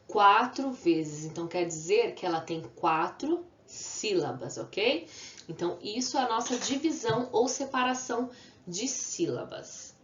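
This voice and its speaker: A woman's voice: medium pitch, expressive, a little slow, a little hiss or hum. A woman teacher, giving a video lesson to children, patiently drawing out example words and answering her own questions. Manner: asks the class questions and answers them. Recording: echoey room, slightly dull sound.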